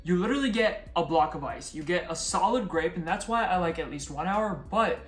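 A man's voice: sits high, lively intonation, a little fast. A young man chatting upbeat to camera as a food vlogger, talking while he chews. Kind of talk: casual chat to camera. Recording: echoey room with faint music.

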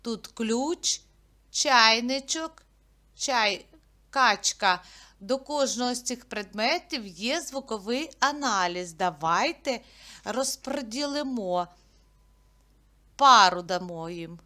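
A woman teaching a literacy lesson to young children, speaking patiently and clearly and drawing out each sound. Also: a little high, lively intonation, slow pace, bright, forceful tone.

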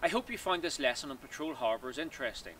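A man in his thirties, a cadet force instructor, gives a scripted military lesson outdoors in woodland, speaking in a measured, precise way, recorded by a camera some distance away. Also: medium pitch, animated, sharp tone, a little hiss or hum.

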